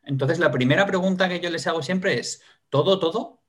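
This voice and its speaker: A man's voice: a little high, moderate pace. A man who works as a coach, talking reflectively about his sessions with clients in a casual conversation. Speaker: coach and host.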